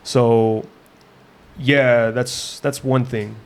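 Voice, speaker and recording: A man's voice: mid-range voice, steady tone, drawn-out words, clean tone. A man who wrestles and coaches, talking bluntly and intensely in a casual interview, often restarting his sentences.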